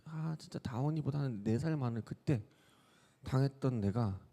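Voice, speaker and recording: A man's voice: mid-range voice, moderate pace, gravelly, warm tone. A man pastor giving a sermon, telling a personal story and asking the congregation questions.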